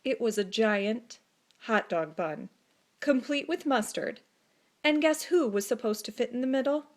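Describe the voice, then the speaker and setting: A woman narrating a children's story expressively, with deliberate phrasing and dramatic pauses. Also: a little high, animated, a little mellow. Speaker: storybook reader.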